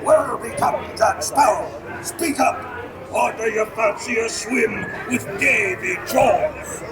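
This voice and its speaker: An actor playing a gruff, menacing male pirate captain in theme-ride audio, with a growling, theatrical delivery. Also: extremely high pitch, slow pace. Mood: threatening. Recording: echoey ride audio with loud music.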